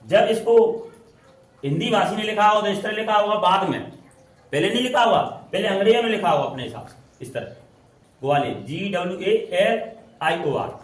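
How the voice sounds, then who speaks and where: A man's voice: high voice, lively intonation. Guy explaining english pronunciation like a class, sounds far from the mic, keeps repeating words. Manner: repetitive, drawn-out spelling out of words. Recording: echoey room from far off.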